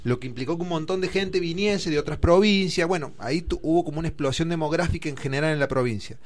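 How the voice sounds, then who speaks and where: A man's voice: fairly high pitch, quick pace. Argentine man explaining school figures. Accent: Argentine Spanish. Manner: explains with many figures and fillers, thinks aloud. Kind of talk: explanatory discussion.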